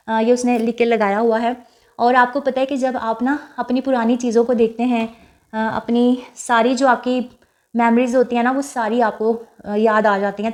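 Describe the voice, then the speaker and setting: Young woman vlogger, slightly high voice, casual chatty narration, reflective and wistful. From Pakistan. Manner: chatty, reflective, with frequent fillers; speaks softly and wistfully about her late mother.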